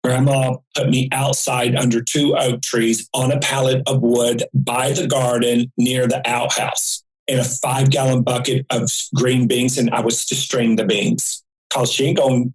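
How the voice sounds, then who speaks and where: A man, a guest telling a story in an animated, folksy way. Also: mid-range voice, measured pace, hardly any pauses, poor audio. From rural North Carolina. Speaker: psychic guest. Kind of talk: storytelling interview.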